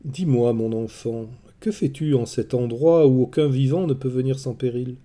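A man's voice: mid-range voice, normal speed, mellow, natural voice. A man reading the tender, sorrowful lines of a loving mother's ghost, with little change from his own voice, in a storybook reading.

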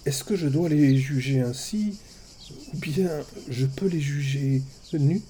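A man's voice: fairly high pitch, slow pace, warm tone, a little hiss or hum, voice pushed up. A man playing a stammering, flustered young shepherd. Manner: stammering, hesitant.

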